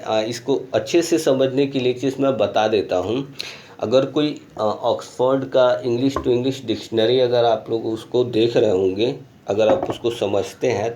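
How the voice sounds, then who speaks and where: Man teaching a slow, patient grammar lesson. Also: mid-range voice, a little mellow. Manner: explains slowly in Hindi mixed with English terms, keeps saying "theek hai". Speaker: school English teacher. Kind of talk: recorded online grammar lesson. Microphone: screen recording.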